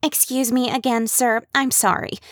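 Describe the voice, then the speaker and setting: A squeaky, high-strung young woman frets and apologizes her way toward indignation, as a woman narrator puts her on. The voice sits noticeably higher than the reader's own, and the recording is dry and close. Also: level tone, moderate pace, no echo, lightly acted. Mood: indignant. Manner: fretful, apologetic, rising to indignant. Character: anxious, rule-bound young woman committee organizer.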